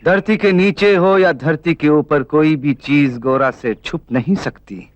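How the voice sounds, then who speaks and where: An actor playing a stern, proud bandit chief who speaks in curt commands, in 1980s film acting. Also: male voice, a little high, a little slow, no room sound, muffled recording, natural voice. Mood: commanding.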